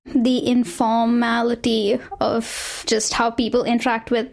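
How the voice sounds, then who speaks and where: A woman's voice: fairly high pitch, level tone, a little slow. A young woman, candidly recounting her experiences in an interview. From India.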